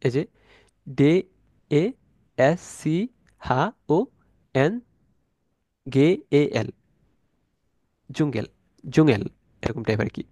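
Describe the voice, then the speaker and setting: A man teaching an online class from slides, slowly spelling out letters and sounds in a casual way, thinking aloud with fillers as he goes. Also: mid-range voice, mellow, dry recording. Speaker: German language teacher.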